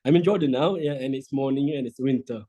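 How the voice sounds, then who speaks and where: Hesitant man from Malaysia, mellow voice. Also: medium pitch, fast, low-quality recording. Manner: hesitant, clears throat, many fillers. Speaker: conference presenter. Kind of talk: casual chat. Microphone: video call.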